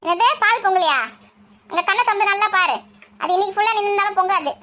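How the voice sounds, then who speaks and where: A sharp-tongued mother-in-law, played by a woman in a homemade village family skit. She scolds and taunts in a very high, bright voice and talks fast. Her retorts come quick and pointed. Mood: taunting.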